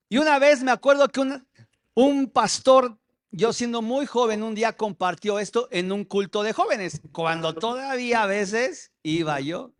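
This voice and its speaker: High-voiced Mexican pastor preaching. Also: male voice. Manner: storytelling, repeatedly addressing listeners as brother. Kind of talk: sermon.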